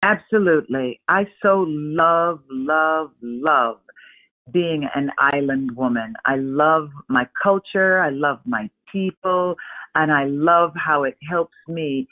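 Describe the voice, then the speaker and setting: Animated woman on a tinny phone line. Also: sits low, slow, no echo. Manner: expressive, animated storyteller. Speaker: actor, interview guest. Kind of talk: casual interview chat.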